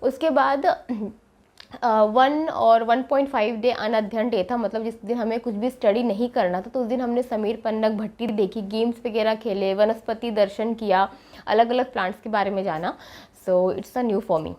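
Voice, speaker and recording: A young woman, a medical student, explaining her daily routine in a steady vlog with frequent pauses to think. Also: fairly high pitch.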